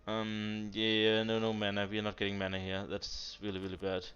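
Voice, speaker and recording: Man, lowish voice, smooth, blunt game critique, dull lo-fi mic with keyboard clicks. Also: monotone, moderate pace, a bit bright. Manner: blunt, exasperated critique with frequent fillers. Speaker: strategy game reviewer. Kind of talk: casual commentary over gameplay.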